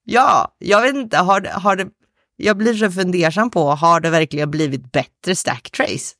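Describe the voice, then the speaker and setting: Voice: mid-range voice, a bit bright, no room sound, clean studio sound. A podcast co-host in casual chat, talking in a gloomy, wry and self-mocking way.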